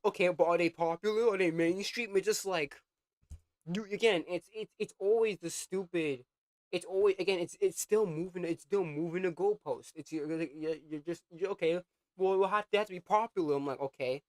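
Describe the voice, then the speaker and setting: A man's voice: sits high, fairly quick, dry recording. A young adult man co-hosting a reaction show, ranting in casual chat with lots of stammered restarts, swearing and mockery. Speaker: co-host reacting to clips.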